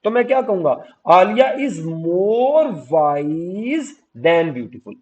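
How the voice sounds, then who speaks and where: A man from Pakistan with a Pakistani accent, teaching English grammar in an exam-prep lecture. He spells words out letter by letter, calls his students "beta" and reads the English rules slowly. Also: on the high side, a little mellow, lo-fi sound.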